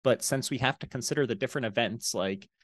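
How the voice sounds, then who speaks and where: A man's voice: medium pitch, quick pace, no echo, studio quality. A young man co-hosting a casual podcast over a video call, talking through a headset mic from a small room at home, with a joking, wry manner. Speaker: podcast co-host. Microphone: headset with boom mic on video call.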